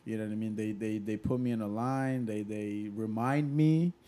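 A man's voice: on the low side, moderate pace, dark tone. A young man co-hosting a casual chat, rambling and often checking that he is understood. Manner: rambling, repeats "like" and "you know what I mean". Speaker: podcast co-host.

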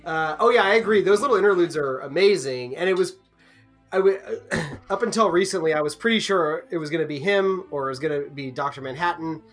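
An enthusiastic man chatting on a TV podcast, rambling through his thoughts with plenty of laughter. His voice sits fairly high for a man, with faint music running underneath. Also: a little fast, a bit bright. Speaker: podcast co-host. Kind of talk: casual chat.

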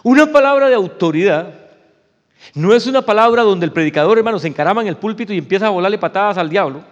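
A man's voice: sits high, lively intonation, quick pace, big-room sound, muffled recording. A male pastor preaching a sermon in an emphatic, conversational way, often calling his listeners "brother".

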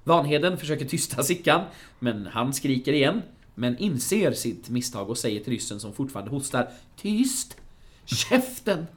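A man with a lively, swooping voice retells a film scene for his co-host, jumping up loudly whenever he calls out a character's line. His pitch sits in the middle range and moves a lot. It is casual podcast chat.

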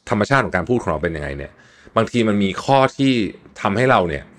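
A man's voice: sits low, big pitch swings, fast, fairly bright tone. A man hosting a solo podcast, explaining tips in a chatty, casual way with frequent polite particles and repeated words. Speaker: podcast host.

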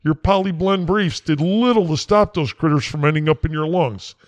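A man's voice: on the high side, moderate pace, no echo, dull audio, lightly acted. A man playing a blustering, folksy quack doctor, rambling in a comedy sketch. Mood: lecturing. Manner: rambling, brash, folksy slang.

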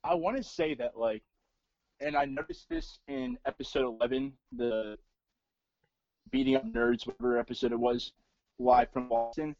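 A man's voice: medium pitch, normal speed, darkish tone, no echo. A man, a guest on a podcast, chatting casually over an internet call while his voice breaks up into a robotic, metallic glitch. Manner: chatty, laughs easily. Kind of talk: casual chat. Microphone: remote call mic. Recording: dull lo-fi dry call audio.

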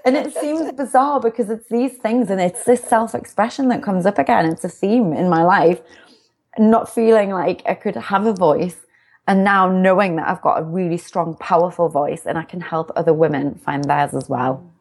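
Speaking at normal speed in a lowish, husky, slightly mellow voice, a young success coach from the UK appears as a guest in a relaxed interview. She comes across bubbly and upbeat, often turning reflective about herself.

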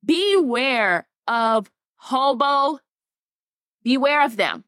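Her voice sits high and she speaks extremely slowly: a woman in her 20s from Atlanta, Georgia, hosting a casual talk to camera as a TikTok creator and podcast host. Chatty and animated, she laughs often and calls listeners y'all, with no room sound.

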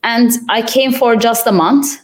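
Young adult woman from Turkey, interview guest; unhurried, reflective answers broken by fillers. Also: fairly high pitch. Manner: thoughtful, pauses with frequent fillers. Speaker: podcast guest.

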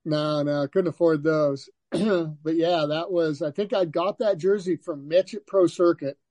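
A man's voice: a little high, unhurried, no echo. An older man, a former motocross racer, telling stories as an interview guest with lots of restarts and "you know". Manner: relaxed storytelling, frequent restarts and "you know". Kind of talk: casual interview.

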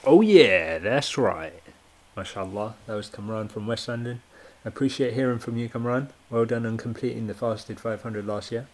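A man's voice: medium pitch, level tone, a little fast, a little mellow. A man hosting a podcast, introducing contributors in a friendly, chatty way. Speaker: podcast host. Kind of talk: podcast presenting.

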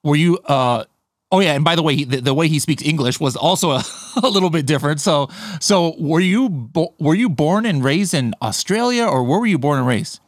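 A man's voice: fairly high pitch, lively intonation, fairly quick, no room sound, clean studio sound. A man hosting an unscripted podcast interview, talking loosely with lots of fillers and restarts. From United States. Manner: rambling, with many fillers and restarts. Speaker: podcast host.

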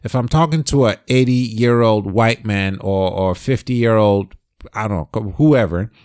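Man, from Nigeria, low voice, animated, swearing, casual chat, dry sound. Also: a little slow, clear, resonant tone, dry recording.

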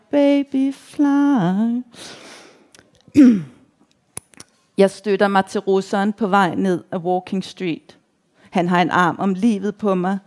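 A woman reading a first-person literary story in a measured way, raising her voice high and loud for shouted quotes. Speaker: narrator.

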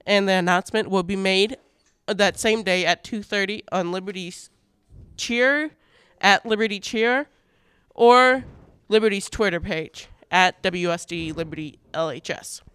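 A teenage boy hosting a school morning radio show, with a bright, sharp voice and very clean diction. He reads the news in an upbeat way and keeps slipping in playful asides. The studio sound is dry and close. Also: sits high, measured pace, smooth, no room sound. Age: teens. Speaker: student radio co-host.

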